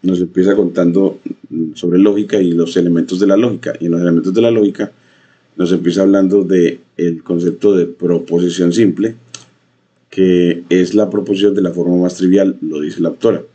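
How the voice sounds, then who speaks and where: A man teaching a coding lesson, talking in a halting way with many fillers and repeated phrases. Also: deep voice, steady tone, mellow, slightly rough. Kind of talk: screen-share coding lesson. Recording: dull lo-fi mic.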